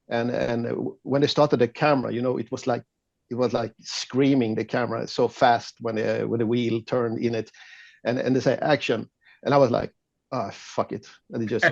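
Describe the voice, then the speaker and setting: A man's voice: mid-range voice, vocal fry, no echo, highs cut off. A Swedish man with a Swedish accent, a guest speaking English as a second language in a casual interview, hesitant and laughing often. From Sweden. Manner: hesitant, many fillers and restarts, laughs often. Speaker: guest photographer.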